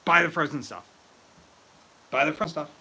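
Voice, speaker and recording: A man hosting a casual live stream about brewing mead, excitable and rambling as he chats with viewers. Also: fairly high pitch, normal speed, vocal fry, husky. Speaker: livestream host.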